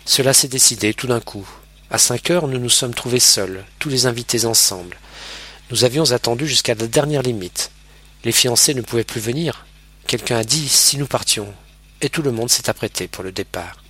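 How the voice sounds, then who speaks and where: A man voicing a hurried young country lad who tells plainly what has happened. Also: medium pitch, bright, forceful tone, slightly rough. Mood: matter-of-fact.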